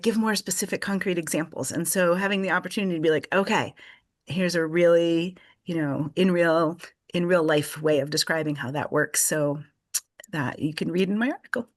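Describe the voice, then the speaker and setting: A woman with a low-pitched voice talks through her ideas in a relaxed, explanatory way. She pauses, restarts and hunts for words as she goes. She sounds like a panel guest speaking over a video call. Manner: thoughtful, explanatory, with fillers and restarts. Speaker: article contributor. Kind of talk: conversational panel discussion.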